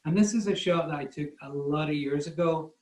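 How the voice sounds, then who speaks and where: With a somewhat high, mildly mellow voice, a Scottish photographer moves briskly through rambling stories that poke fun at himself. It's a casual online talk where he's the guest, recorded with a roomy echo.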